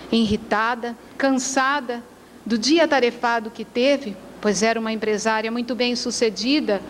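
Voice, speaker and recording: A woman gives a spiritist lecture in a lecture hall, telling her story slowly and with emphasis. Her voice is somewhat high. A long reverb follows her words, and faint traffic noise runs underneath.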